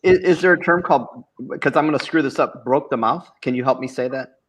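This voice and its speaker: A man's voice: medium pitch, quick pace, low-quality recording. A man hosting a casual show chat, upbeat and asking guests questions. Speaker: host.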